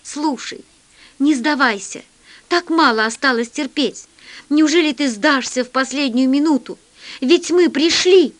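A woman's voice: high-pitched, measured pace. A woman voicing a loyal male space captain who pleads urgently. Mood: pleading.

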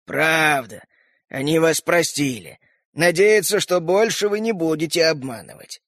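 A man voicing an old grandfather in a storybook, gruff but kind, speaking low and measured. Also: a bit bright, no echo, studio quality. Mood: gruff, confiding.

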